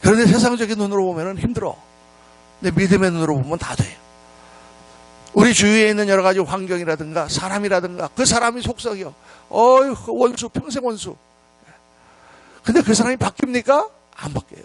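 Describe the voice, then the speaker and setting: A middle-aged man preaching a revival sermon in a church, telling stories in an animated, scolding and then humorous way. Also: sits high, quick pace. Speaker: pastor. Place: church sanctuary.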